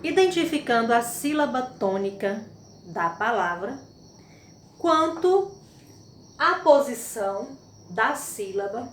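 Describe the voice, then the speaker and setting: A woman teaching young children a language lesson, speaking patiently and stressing syllables loudly. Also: a little high, big pitch swings, slow, long pauses, a little hiss or hum. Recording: echoey room, faint crickets.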